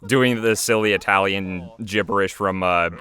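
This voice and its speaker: A man with an American accent, from the United States, speaks low with a sharp tone, fairly even intonation and normal speed. As the video's creator and voice actor, he commentates on it in a casual, rambling, self-deprecating way.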